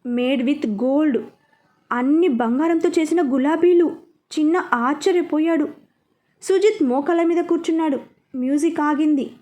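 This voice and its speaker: A woman narrating a serialized audio story in a high voice. She reads expressively and moves the scenes along. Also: normal speed. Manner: expressive, lively reading of all parts.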